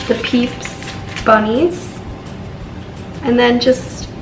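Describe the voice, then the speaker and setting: Talking extremely slowly in a slightly high voice, the young baking host sounds stuffed up and congested as she chats through her tutorial, filling it with "so" and "just." Faint music plays, and she's recorded from a distance in a roomy space.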